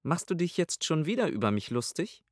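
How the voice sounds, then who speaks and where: A man voicing an irritable, imperious old pope in an audiobook, speaking pompously and forcefully. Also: on the high side, big pitch swings, a little fast, dry recording, studio quality, pitched above the performer's own voice. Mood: gruff. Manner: pompous, raised and forceful delivery. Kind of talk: audiobook character voice.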